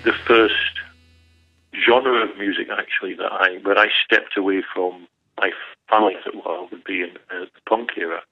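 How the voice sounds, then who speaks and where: Gravelly low-voiced man on a phone line. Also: steady tone, normal speed. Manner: rambling, self-correcting, wry. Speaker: interview guest. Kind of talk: relaxed anecdotal storytelling. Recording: tinny phone-line sound.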